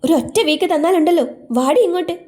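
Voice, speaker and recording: A woman's voice: high voice, moderate pace, warm tone, voice pushed up, natural voice. Woman voicing a bossy, caring young friend. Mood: scolding. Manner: scolding, coaxing.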